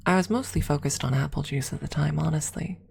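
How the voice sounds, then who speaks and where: A deep-voiced woman streamer tells a story to her live chat in a soft, breathy ASMR style. She speaks haltingly and often slips into a whisper close to the microphone.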